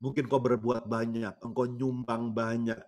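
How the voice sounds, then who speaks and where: A man's voice: mid-range voice, little pitch movement, measured pace, a little mellow. A male pastor preaching a sermon in a storytelling way, often addressing the congregation directly. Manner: storytelling, repeatedly addresses listeners.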